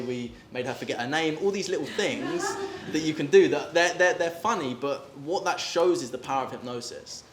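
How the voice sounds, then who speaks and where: Male stage hypnotist, brisk and insistent, repetitive suggestions, recorded in an echoey room. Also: mid-range voice. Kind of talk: live group hypnosis demonstration, repetitive suggestion. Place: echoey room before a live group. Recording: echoey room, some background noise.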